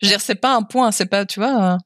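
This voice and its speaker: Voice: mid-range voice, quick pace, a bit bright, dry recording, clean studio sound. A game master chatting casually on an online call before a tabletop game, hesitating often. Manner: hesitant, lots of fillers.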